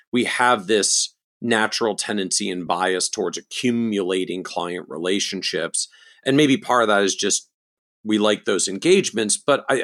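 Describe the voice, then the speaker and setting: Thoughtful male interview host, lowish voice. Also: fairly bright tone. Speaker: podcast host for financial advisors. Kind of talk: interview conversation.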